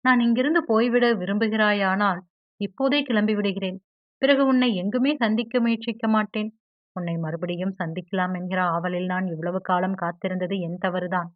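A hurt, proud young woman from a storybook reading, as a woman reads her. She speaks earnestly at a middle pitch. The sound is dry and a little dull. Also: normal speed, no room sound, lightly acted. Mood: resolute. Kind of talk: audiobook character dialogue. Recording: dry, slightly dull audio.

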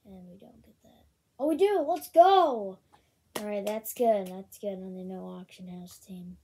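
A woman casually talking through a video game, with many ums and excited bursts over card pulls. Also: medium pitch, a little slow, a little hiss or hum. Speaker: gaming channel host. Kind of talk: casual gameplay commentary.

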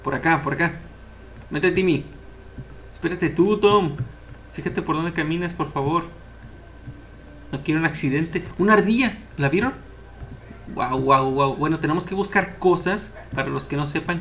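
An excitable young man chats through a game, his voice sitting a little high. He cheers the characters on in a casual let's-play style, with a faint hiss behind him. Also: normal speed, long pauses. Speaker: gameplay commentator.

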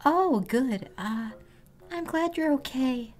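A man through a voice changer as a high, slow young woman. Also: expressive, soft background music, full character voice. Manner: hesitant, with many ums and stammers. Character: sweet, hesitant young woman baiting a predator. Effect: voice changer making him sound like a young woman. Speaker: online creator baiting a scammer. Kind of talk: prank phone call.

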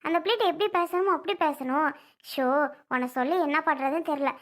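A woman's voice: high-pitched, fairly quick, a bit bright. A woman playing an older grandmother who scolds her son and sweetly coaxes her granddaughter. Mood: scolding.

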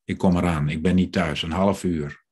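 A man's voice: sits low, steady tone, moderate pace, breathy edge. A man reading the part of a tense man who answers curtly and urgently.

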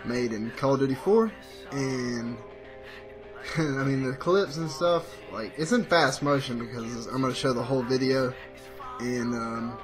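Slightly sick thirty-something gaming vlogger. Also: male voice, mid-range voice, a little slow, over music. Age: 30s. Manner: laid-back, chatty, repeats himself. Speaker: gaming YouTuber. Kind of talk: casual gaming vlog. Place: bedroom gaming setup, indoors. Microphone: desktop USB mic.

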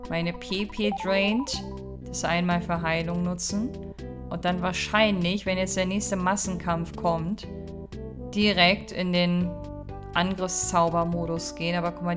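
A woman's voice: lowish voice, little pitch movement, unhurried, music in the background. A woman hosting a let's play, chatting casually and reacting to the game with mock exasperation. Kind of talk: casual gameplay commentary.

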